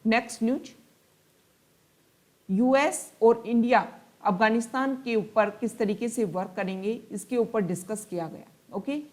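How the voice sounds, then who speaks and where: A woman tutor giving a newspaper analysis lesson for exam students, reading English passages slowly and then explaining and rephrasing them in Hindi. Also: a little high, darkish tone. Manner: explanatory, repeats and rephrases points.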